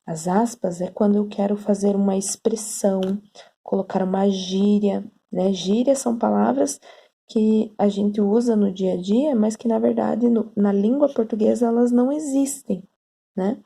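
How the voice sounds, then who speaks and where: A woman's voice: mid-range voice, fairly even intonation, gravelly, mellow, husky. A woman teacher giving a patient online lesson on writing, checking in often with her students. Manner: slow, patient explaining with frequent "tá?" and "né?".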